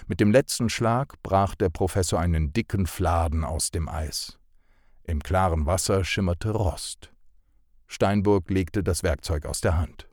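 Deep male narrator, measured audiobook reading, dry close recording. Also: a little mellow, no room sound.

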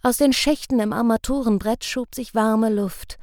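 A woman narrating an audiobook in calm, measured storytelling. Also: fairly high pitch, dry recording, studio quality. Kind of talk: scripted narration.

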